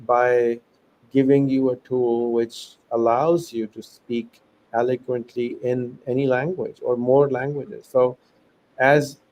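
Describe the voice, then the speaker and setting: A podcast guest who founded an education venture, this Pakistani man explains his ideas earnestly in a casual interview. He offers example after example, with restarts and filler words, in non-native, American-leaning English. His mid-range voice is level and slow, and the highs are cut off.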